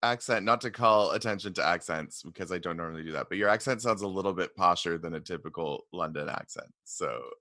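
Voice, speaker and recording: A man's voice: low-pitched, a little fast, hardly any pauses, sharp tone, dry recording, studio quality. A man, chatting casually as he interviews a guest. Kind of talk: casual chat.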